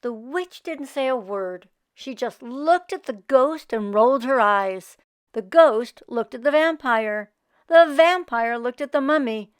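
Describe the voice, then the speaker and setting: A woman reading a picture book aloud to children, expressive and slow. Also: high voice, clear, resonant tone. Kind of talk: read-aloud storytelling.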